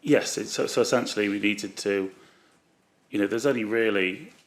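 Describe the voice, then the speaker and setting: Witness, male, low and gravelly, voice worn by flu, halting testimony. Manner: halting, many fillers and restarts. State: voice going from flu. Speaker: witness at a public inquiry. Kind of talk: formal testimony.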